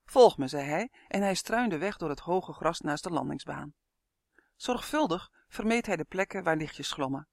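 Guy reading a kids fantasy book out loud, expressive, higher voice, dry sound. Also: moderate pace, creaky, dry recording. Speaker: audiobook narrator. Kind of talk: scripted storybook narration.

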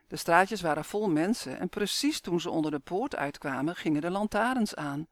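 A man reading a children's story aloud in steady, clear scripted narration. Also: sits high, no room sound.

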